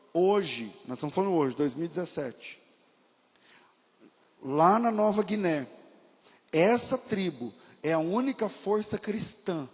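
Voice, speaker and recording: A man's voice: on the high side, creaky, darkish tone, husky, big-room sound. A male pastor telling a story in a sermon, acting out the dialogue with rising emotion.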